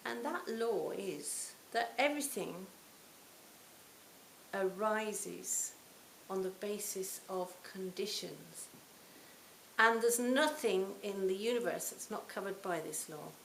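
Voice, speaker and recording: A woman in her sixties giving a reflective Buddhist talk to a retreat audience, her phrases often trailing off softly. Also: medium pitch, slow pace, vocal fry. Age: 60s. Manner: reflective, warm storytelling with soft trailing phrase ends. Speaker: Buddhist teacher. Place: retreat hall. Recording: roomy hall, faint hiss.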